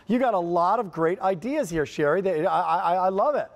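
An American man presents as a home shopping host in a notably high voice. His delivery is enthusiastic and folksy, full of exclamations and sales patter. The sound carries long studio reverb. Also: normal speed, gravelly. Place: home shopping television studio with kitchen set.

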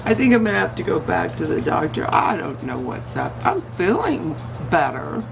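Gravelly-voiced woman rambling in a vlog. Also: fairly low pitch, very animated, moderate pace, noisy background. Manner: chatty, digressive, self-interrupting. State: losing her voice. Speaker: vlogger. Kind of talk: casual rambling vlog chat.

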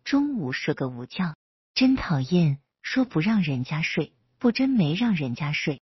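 A woman voicing a playful, teasing young male student in a read-aloud story. She speaks softly, with a husky tone. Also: low-pitched, big pitch swings, a little slow, dry recording, dull audio, exaggerated voice.

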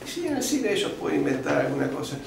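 A man with an Argentine accent, a guest in an interview, telling a long history lesson and often stopping on "este" and "eh" and clearing his throat. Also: fairly high pitch, wildly swooping pitch, quick pace. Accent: Argentine Spanish. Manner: didactic storyteller, uses fillers like "este" and "eh", clears throat often. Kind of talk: lecturing historical account. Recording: very echoey room with faint background noise.

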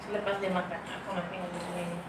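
A woman's voice: lowish voice, flat delivery, fast talker. A woman, chatting casually to viewers while eating at home. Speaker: family mukbang vlogger. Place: small bare room at home, dining table. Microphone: camera a few metres away. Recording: echoey room, distant mic, clattering dishes, noisy.

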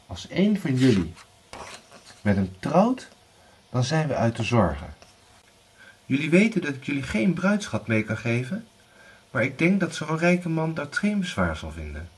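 A pushy, scheming widow mother, as a man puts her on in a storybook reading. Her voice rides high above his own and swings about lively as she coaxes. It has a husky edge. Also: a little slow, long pauses, full character voice. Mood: coaxing. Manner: pushy, coaxing, scolding. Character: scheming middle-aged widow, eager mother.

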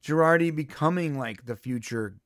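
A man's voice: on the high side, moderate pace, no echo, studio quality. A man co-hosting a casual review podcast, ranting in an exasperated, emphatic way from a home setup. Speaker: podcast co-host.

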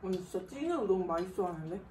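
A woman's voice: mid-range voice, racing, a little hiss or hum. A woman vlogger talking casually with her mouth full, delighted with the food she is eating. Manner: relaxed and delighted, praising the food. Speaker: mukbang vlogger. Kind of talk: casual chat while eating. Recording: roomy sound from a distant mic.

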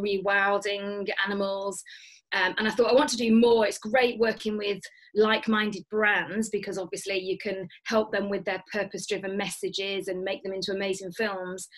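A woman's voice: medium pitch, fairly bright tone. Enthusiastic woman. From Lancashire, England. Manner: enthusiastic, many fillers and restarts. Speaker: guest, business founder. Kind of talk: remote interview. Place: dim home room. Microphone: video call.

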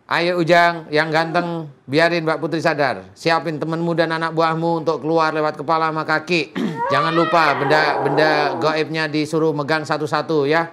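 Coaxing preacher, slightly high voice. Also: male voice, flat delivery, normal speed, few pauses, fairly bright tone, slight background noise. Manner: coaxing, joking, then chanting Arabic prayers. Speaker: Islamic preacher performing an exorcism. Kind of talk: coaxing spiritual healing session with jokes.

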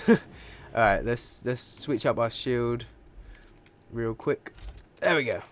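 A man giving casual let's play commentary while gaming, chatty and profane, with sudden excited yelps. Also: medium pitch, slow. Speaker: gaming video creator. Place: home room.

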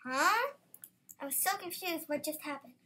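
High-voiced schoolgirl reading her story. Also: fairly quick. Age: child. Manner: lively, bursts into excited exclamations. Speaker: student storyteller.

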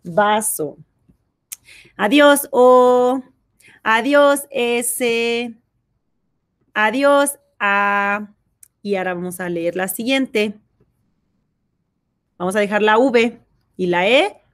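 A woman's voice: fairly high pitch, smooth. A woman teaching a kindergarten phonics lesson, sounding out letters and syllables one by one and praising the children. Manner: sounds out letters and syllables slowly, warm encouragement.

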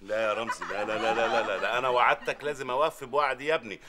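A man's voice: medium pitch, steady tone, racing, a crowd in the background, lightly acted. An actor playing a harried middle-aged father, sarcastic and exasperated, in a sitcom. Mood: scolding. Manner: exasperated, sarcastic, rises to shouting rants. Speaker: sitcom lead. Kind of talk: sitcom acting.

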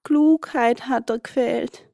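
A woman's voice: fairly high pitch, steady tone, slow, vocal fry, mellow, no room sound, studio quality, voice pushed up. Woman putting on a scolding little glass forest spirit. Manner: scolding, indignant. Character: small grumpy male glass forest spirit.

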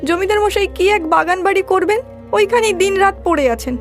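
A woman's voice: very high voice, fast, faint music behind. A woman voicing an anxious young wife in a cartoon, pleading and emotional. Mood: worried. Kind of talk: cartoon voice acting.

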